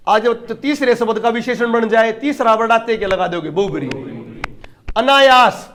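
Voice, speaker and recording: Male tutor, high-pitched, emphatic lecture style with rhetorical questions. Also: moderate pace, fairly bright tone, a little hiss or hum. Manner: emphatic, asks questions and answers them himself. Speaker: teacher. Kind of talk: exam-prep lecture.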